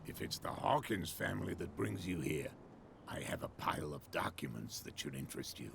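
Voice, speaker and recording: An actor playing a gruff old male sea captain in a video game, speaking in old-fashioned seafaring phrases. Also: very deep voice, animated, a little fast, a bit bright, slight background noise, full character voice. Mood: brisk.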